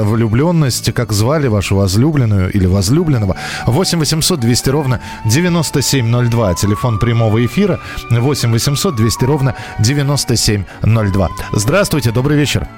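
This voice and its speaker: A man's voice: medium pitch, expressive, fairly quick, a little mellow. A man hosting a live radio phone-in, talking in a polite, wordy way. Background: faint music.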